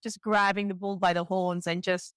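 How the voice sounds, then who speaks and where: A woman's voice: on the low side, little pitch movement, normal speed, fairly bright tone, clean tone, no room sound. A woman in her thirties hosting a podcast interview, chatty and enthusiastic, swearing casually. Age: 30s. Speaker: podcast host.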